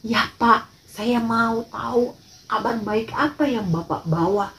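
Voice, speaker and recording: A woman's voice: on the high side, slow pace, a bit bright, slight background noise, pitched above the performer's own voice. A woman voicing a poor, hungry young street boy who speaks eagerly and a little timidly in a children's church story.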